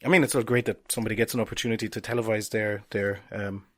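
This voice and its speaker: A man's voice: fairly low pitch, level tone, fast talker. Blunt, opinionated man podcasting. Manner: blunt, opinionated, swears casually. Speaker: podcast co-host. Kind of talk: casual chat.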